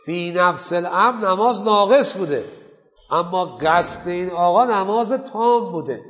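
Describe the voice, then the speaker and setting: High-pitched guy teaching a seminary class, asks then answers himself, muffled recording with a long echo. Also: animated, a bit bright. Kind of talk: Islamic jurisprudence class lecture.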